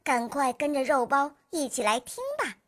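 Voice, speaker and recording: A woman's voice: high voice, normal speed, fairly bright tone. A woman voicing a cute childlike mascot who hosts a children's story show and addresses little listeners as dear friends. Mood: cheerful greeting.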